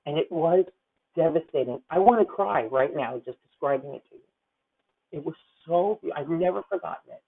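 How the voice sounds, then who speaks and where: Her voice sits low and is slightly rough with vocal fry, lively in intonation at a moderate pace. A voice teacher in her fifties, she coaches a singer in a masterclass over a tinny video call, effusive and rambling, with plenty of "honey."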